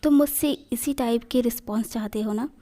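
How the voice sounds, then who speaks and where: A cruel, possessive young man who barks orders, read aloud by a woman. The voice sits fairly high but stays dark and mellow, and every line comes out as a command. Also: brisk, natural voice. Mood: cold. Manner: harsh and commanding.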